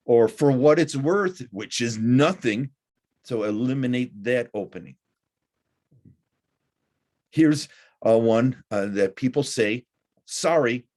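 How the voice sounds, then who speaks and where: A middle-aged man teaching a recorded college lecture, talking deliberately with frequent "uh" fillers. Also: mid-range voice, a little mellow. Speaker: college instructor.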